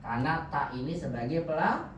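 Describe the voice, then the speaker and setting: Speaking fast with lively intonation and a slightly high voice, a man quizzes his class constantly as he teaches Arabic grammar. Background noise, room echo, and a far-off, dull mic mark this classroom recording.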